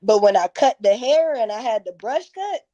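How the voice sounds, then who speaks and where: A woman's voice: a little high, expressive, normal speed, mellow. A woman in her thirties, a guest in a casual interview, telling stories bluntly with plenty of profanity. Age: 30s.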